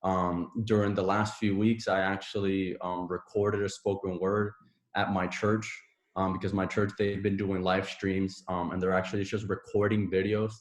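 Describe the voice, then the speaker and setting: A man's voice: low-pitched, little pitch movement, normal speed, echoey room. A man from Puerto Rico whose first language is Spanish, a podcast guest talking casually with many fillers and restarts. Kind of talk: casual conversation.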